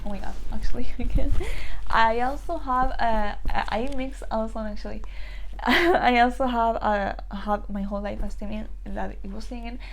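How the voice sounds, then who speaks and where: A woman's voice: a little high, steady tone, normal speed, a little hiss or hum, poor audio. A woman in her twenties talking in a casual personal vlog, nervous and rambling, restarting often and swearing freely. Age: 20s. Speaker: channel host.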